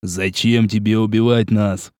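A man's voice: lowish voice, flat delivery, unhurried, a little mellow, no echo, clean studio sound, natural voice. Man playing a curt, scheming nobleman. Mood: cold. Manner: curt, dismissive, menacing. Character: cold, scheming older nobleman.

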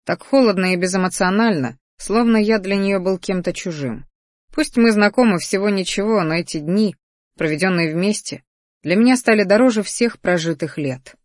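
An audiobook narrator reading a first-person fantasy romance in a steady, measured way. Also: mid-range voice, no echo, clean studio sound.

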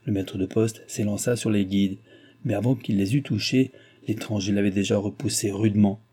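A man reading a classic novel aloud as an audiobook, in a measured storytelling voice. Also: on the low side, fairly even intonation, dark tone, slightly rough. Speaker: audiobook narrator. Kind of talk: scripted audiobook narration.

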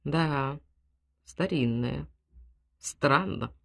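A woman's voice: low-pitched, very slow, vocal fry, voice pushed down, full character voice. A woman voicing a blustering old general. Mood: grumbling. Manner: exasperated, huffing outbursts. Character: fussy old general, blustering, quick-tempered.

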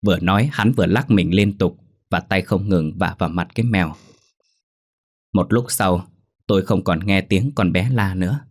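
A man's voice: deep voice, normal speed. A man narrating a first-person horror story in a dramatic, exclamatory manner. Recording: faint background music.

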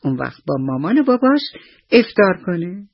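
A woman's voice: fairly low pitch, creaky, slightly rough. A woman storyteller narrating a children's bedtime story on the radio, speaking directly to the kids. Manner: warm, expressive storytelling addressed to children. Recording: dull lo-fi radio recording.

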